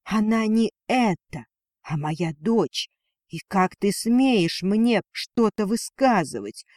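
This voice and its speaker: A man's voice: high-pitched, animated, takes it slowly, a little mellow, no echo, clean studio sound, pitched above the performer's own voice. Man voicing a fierce, defiant mother dragon. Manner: pleading then spitting defiance.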